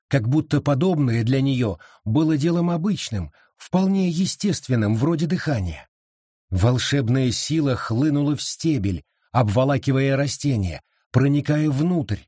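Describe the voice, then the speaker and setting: A man narrating an audiobook in a measured, steady storytelling manner. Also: medium pitch, slightly rough, no echo, studio quality. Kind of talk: scripted narration.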